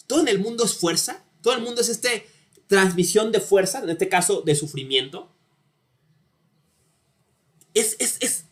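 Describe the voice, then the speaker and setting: A man's voice: high voice, a bit bright. A man with a Mexican accent giving an informal philosophy lecture, talking conversationally, often tagging questions and repeating words as he thinks. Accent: Mexican Spanish. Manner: conversational, frequent tag questions, stumbling repetitions.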